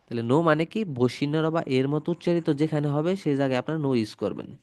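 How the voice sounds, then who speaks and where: A Japanese language teacher from Bangladesh, who has a cold, gives a grammar lesson explaining slides and patiently repeats each example step by step. His voice is on the high side and a little mellow, he talks fast, and there is no echo.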